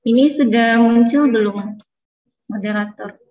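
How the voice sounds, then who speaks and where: A woman's voice: on the high side, a little slow. An Indonesian-accented woman speaking through a face mask, giving a semi-formal seminar talk in a conversational way that often checks in with listeners. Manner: conversational, frequently checking with listeners using tag phrases. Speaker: guest lecturer at an online seminar. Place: room on a university campus, on a video call. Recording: dull lo-fi video call audio.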